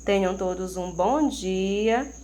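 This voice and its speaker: A Brazilian schoolteacher speaks to young pupils at a mid pitch, stretching her words and asking question after question. Her tone stays patient and expressive throughout, with crickets chirping faintly in the background. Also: slight background noise. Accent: Brazilian Portuguese. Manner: slow, expressive, questioning teacher talk with rhetorical questions. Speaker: primary school teacher. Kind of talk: recorded remote lesson for young children.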